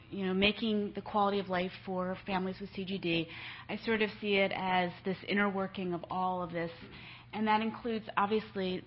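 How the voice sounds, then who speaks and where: Her voice is mid-range, and the dull lo-fi lecture recording carries a slight hiss or hum. She is a middle-aged nurse speaking to families at a conference in a conversational style, saying um a lot.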